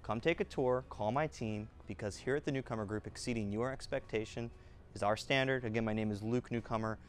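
This thirty-something agent tours a single-story house inside and out for the camera, his medium-pitched voice brisk and enthusiastic. He rattles off selling points in quick, upbeat bursts. A slight background noise runs through the clip.

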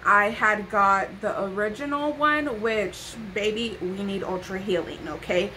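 A woman's voice: medium pitch, a little slow, bright, forceful tone, slight background noise, low-quality recording. A young woman vlogging a casual haul to camera from her bedroom, sassy and chatty with playful asides.

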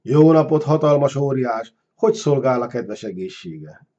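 A man voicing a scheming, flattering deposed king who wheedles and bargains, on a dull lo-fi recording. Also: medium pitch, close to an everyday voice. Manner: wheedling, sly.

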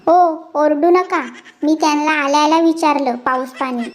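A performer voicing a cheeky, sarcastic village housewife in a cartoon, with a high pitch-shifted voice. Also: female voice, normal speed. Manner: mocking, sarcastic retorts.

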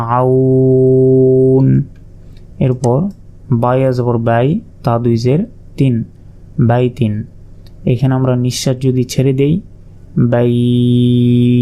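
Patient dark-voiced teacher. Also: male voice, medium pitch. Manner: patient, spells letters and vowel marks aloud, drags out sounds in examples. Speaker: Quran recitation teacher. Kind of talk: step-by-step spelling lesson.

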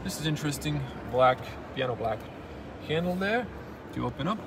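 A man's voice: on the high side, expressive, normal speed. A man walking around a car at an auto show, pointing out its details in a plain, matter-of-fact way, filmed on a handheld camera. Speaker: car reviewer. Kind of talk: walkaround car review. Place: indoor auto show hall. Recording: noisy auto show floor.

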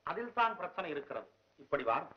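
A man's voice: fairly high pitch, big pitch swings, normal speed, slightly rough. An actor playing a proud male court poet in a 1960s film, speaking formally and scolding. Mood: stern. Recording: dull old film soundtrack.

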